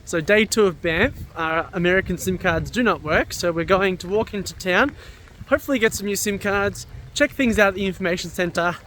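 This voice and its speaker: A man's voice: sits high, pushed and bright, a little hiss or hum. A young man hosting a travel vlog outdoors, chatty and self-deprecating. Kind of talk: casual travel vlog narration. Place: outdoors at a campground.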